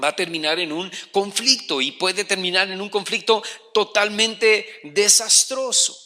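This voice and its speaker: A male pastor preaches in a very high, piercing, bright voice. His talk is conversational and lively, and a long hall reverb trails each phrase. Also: a little slow. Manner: conversational and animated, addressing listeners as "hermano". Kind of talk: sermon.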